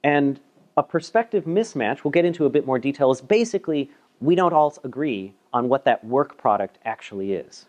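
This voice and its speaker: A man's voice: medium pitch, animated, normal speed, darkish tone. A man giving a casual, chatty technical talk at a meetup, presenting a paper with self-deprecating asides and frequent repeated words. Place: meetup room.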